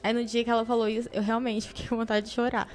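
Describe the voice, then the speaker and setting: Young adult woman, podcast guest; lively, heartfelt storyteller, slightly high pitch. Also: fast, faint music behind. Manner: animated, emotional storyteller who acts out quoted voices.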